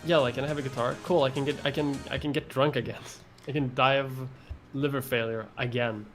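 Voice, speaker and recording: Relaxed Swedish-born man guesting on a chat. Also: medium pitch, a little fast, faint music behind. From Sweden. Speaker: guest, YouTuber. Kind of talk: casual chat.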